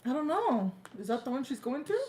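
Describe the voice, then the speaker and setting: A woman's voice: sits high, big pitch swings, fairly quick, a little mellow. A woman, chatting casually as a live stream co-host. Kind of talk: casual chat. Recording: clearly noisy, with room ambience.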